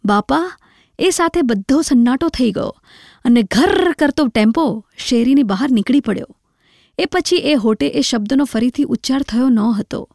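A woman reads a literary story aloud, measured and reflective. Her voice is high with a gravelly creak. The sound is close and dry. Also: dark tone, dry recording. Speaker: narrator.

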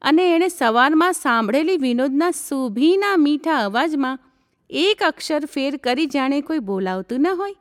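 A woman reads a story aloud in a calm, even manner. Her voice sits high. The recording has a long hall reverb around it. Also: normal speed. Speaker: narrator. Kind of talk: storybook reading.

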